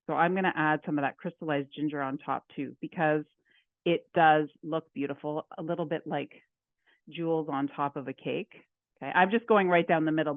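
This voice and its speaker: A woman home economist walks viewers through a recipe in a relaxed, chatty way, narrating each step as she goes. Her voice comes through thin and phone-like. The sound is dry, with no room around it. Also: low voice, dry recording. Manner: chatty, laughs often, talks through her steps. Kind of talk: cooking demonstration. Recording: dry tinny phone-like audio.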